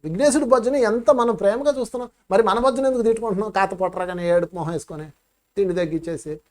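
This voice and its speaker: A man in his fifties, a meditation teacher, giving a spiritual talk with animated storytelling and sharp swings between quiet and loud. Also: high-pitched, very fast. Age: 50s.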